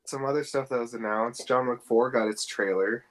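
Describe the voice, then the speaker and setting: A man co-hosts a podcast, chatting casually about games and film news and offering his opinions conversationally. His voice is medium-pitched, with fairly even intonation and normal speed.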